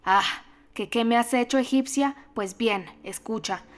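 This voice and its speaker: A woman's voice: a little high, unhurried, close to an everyday voice. A woman voicing a deranged, grieving old female recluse who raves and mocks in a singsong, in a storybook reading. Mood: raving grief. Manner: mocking singsong, raving.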